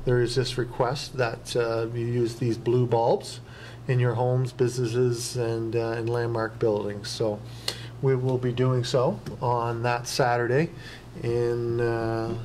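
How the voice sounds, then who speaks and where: A man's voice: mid-range voice, level tone, slow pace, a little mellow, rough recording. Plainspoken man reporting to council. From Canada. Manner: casual, plainspoken, a few fillers. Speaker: town administrative officer at a council meeting. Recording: faint noise, council chamber.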